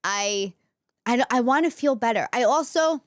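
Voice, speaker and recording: Recorded cleanly with no echo in an indoor podcast studio, a woman in her 40s hosts her show, chatting candidly and conversationally to her audience on her own. Her voice sits a little high, animated and at a normal speed.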